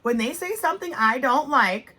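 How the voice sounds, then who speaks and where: A woman's voice: sits high, lively intonation, moderate pace, pushed and bright. A woman in her thirties, a podcast co-host, talking frankly and casually, with swearing and frequent laughter. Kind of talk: casual chat.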